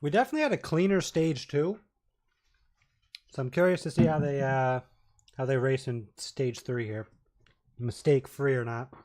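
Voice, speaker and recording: A man hosting a casual live stream, talking through a race in a measured, conversational way. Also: mid-range voice, a little mellow.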